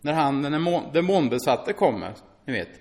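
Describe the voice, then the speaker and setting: A man preaching a sermon, reading scripture aloud and commenting on it in a chatty way, often asking his listeners "va?". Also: fairly high pitch. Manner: lively, swings from loud exclamations to hushed asides.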